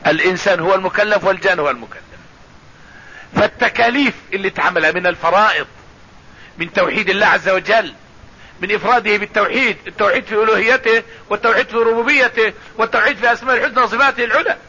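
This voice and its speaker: A man's voice: sits high, rapid-fire, sharp tone, husky. A man giving a Quran commentary lesson, explaining patiently, repeating phrases and reciting verses. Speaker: religious teacher. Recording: dull lo-fi radio broadcast.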